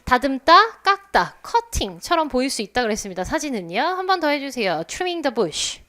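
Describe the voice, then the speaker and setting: A woman teaching an English test class at an academy, drilling phrases and repeating English words slowly for students. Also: high voice, sing-song, bright, forceful tone. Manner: drills phrases with slow, exaggerated English repetition. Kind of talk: classroom lecture. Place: lecture room at a language academy.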